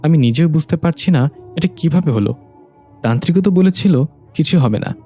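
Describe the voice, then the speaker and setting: A man's voice: a little high, expressive, brisk, mellow, soft background music, pitched above the performer's own voice. A man voicing a grieving adult woman who pleads through tears. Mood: pleading. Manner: pleading, tearful. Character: grieving, tearful adult woman, the dead mother's twin sister.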